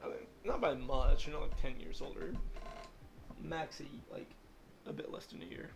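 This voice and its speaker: With a fairly high, gravelly voice at normal speed, an eighteen-year-old man livestreams himself gaming and chatting. His talk rambles casually and is packed with "like." The background is noisy.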